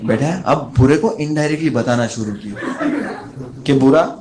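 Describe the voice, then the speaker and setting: A man doing standup, telling a long comic story and putting on high voices for the people in it. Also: normal speed, crowd noise. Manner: animated, jumps into high voices for friends in the story. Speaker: standup comedian.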